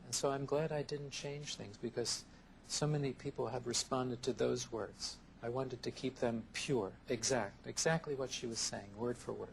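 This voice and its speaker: A man speaks in a thoughtful, measured way, often building lists of ideas one at a time. His voice has a gravelly creak. The sound comes from a worn VHS tape copy, with faint tape hiss underneath. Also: mid-range voice, steady tone, rough recording. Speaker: interview guest, therapist. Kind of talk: reflective interview answers.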